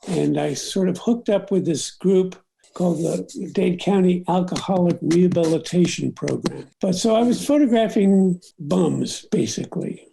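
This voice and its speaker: An older man talks through his memories as a photographer in an unhurried, reflective way, pausing on fillers and restarting his sentences. His voice is gravelly with a mellow, dark tone. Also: high voice. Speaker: documentary photographer. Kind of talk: reflective storytelling interview.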